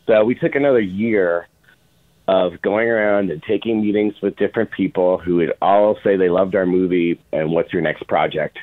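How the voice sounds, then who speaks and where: Interview guest: middle-aged man, low register, informal storyteller, narrow phone-line audio. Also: normal speed. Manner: informal, quotes past dialogue in anecdotes. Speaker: interview guest, film producer. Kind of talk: casual anecdotal storytelling. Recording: phone-like, band-limited radio sound.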